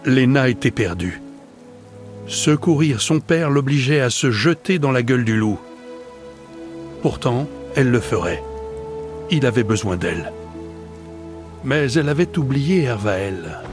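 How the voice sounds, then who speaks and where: A man's voice: medium pitch, animated, a little slow, pauses often. Male audiobook narrator, dramatic storytelling, faint music and rain.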